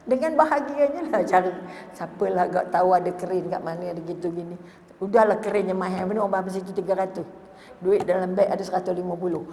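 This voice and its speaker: A woman's voice: medium pitch, a little mellow, slight background noise. A middle-aged woman with a Malaysian Malay accent giving a religious lecture, telling stories, acting out voices and asking her listeners questions. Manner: storytelling, acts out quoted voices, asks the audience questions. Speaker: religious teacher. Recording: echoey hall with long reverb.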